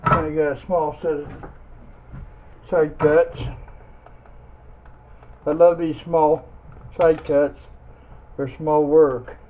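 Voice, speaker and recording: A video host demonstrates a scrap metal teardown, working hands-on in a folksy, casual way while thinking aloud. His voice is on the high side with little pitch movement, and he goes slowly with long pauses. The recording is dull and lo-fi, with faint noise and clicks.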